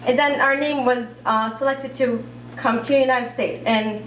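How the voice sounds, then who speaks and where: Young woman, native Arabic speaker, higher voice, halting storytelling, roomy cafe, distant mic. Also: fairly even intonation, a bit bright, slight background noise. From Iraq. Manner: talkative, halting, with many fillers and restarts. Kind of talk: live personal storytelling. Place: cafe stage at a live event.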